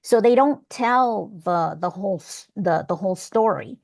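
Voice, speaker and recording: A woman's voice: mid-range voice, animated, normal speed, gravelly, darkish tone, no room sound, studio quality. Chatty woman from El Salvador. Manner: chatty with many restarts and fillers. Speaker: class leader. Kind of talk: online class discussion.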